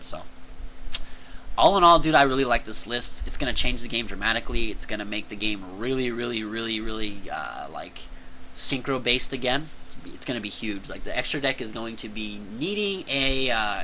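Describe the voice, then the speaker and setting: A young man casually talking through a card game list for his channel, excitable and chatty, peppering his talk with "dude" and "like". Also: lowish voice, a little hiss or hum, low-quality recording. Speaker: channel host reviewing card game banlist. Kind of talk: casual enthusiastic commentary.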